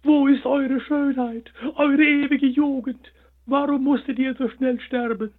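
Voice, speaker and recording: A man voicing a small, lonely young male hare in a storybook, earnest and pleading, with a husky voice on a tinny line. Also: high-pitched, animated, a little slow, voice pushed up, exaggerated voice. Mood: distraught. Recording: tinny phone-like sound.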